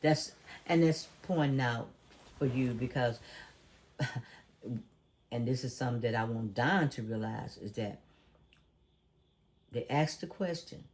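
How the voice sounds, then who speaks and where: A man's voice: mid-range voice, a little mellow. A man hosting a casual talk show, preachy and emphatic, who often asks leading questions. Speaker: podcast host. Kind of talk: casual conversational commentary.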